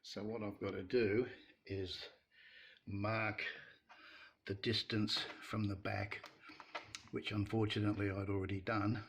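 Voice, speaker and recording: A man's voice: fairly low pitch, level tone, a little slow, creaky, pauses often. A man casually talking through a woodworking build in his shed, plain-spoken and self-deprecating. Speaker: hobby woodworker. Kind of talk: casual workshop narration. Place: home shed workshop. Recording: dull lo-fi sound with faint noise.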